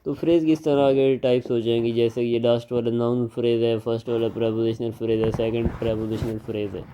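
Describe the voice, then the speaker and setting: A man teaching English grammar in a lecture, explaining in Hindi mixed with English and reading example sentences slowly. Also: medium pitch, flat delivery, dark tone. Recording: dull lo-fi recording with faint noise.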